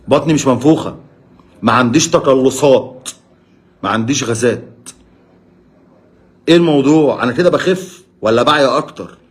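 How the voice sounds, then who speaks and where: A man with an Egyptian Arabic accent, a diabetic patient filming himself on a phone, talking straight to camera and pleading with a string of rhetorical questions. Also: medium pitch. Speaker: diabetic patient sharing his experience. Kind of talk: emotional direct-to-camera monologue.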